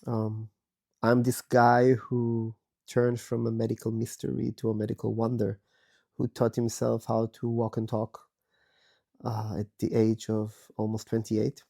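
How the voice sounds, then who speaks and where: A man from Israel, hoarse and raspy from a virus, hosts his podcast from bed in his bedroom. He talks slowly in a dark-toned, mid-range voice, reflecting candidly and thoughtfully on personal matters with many pauses.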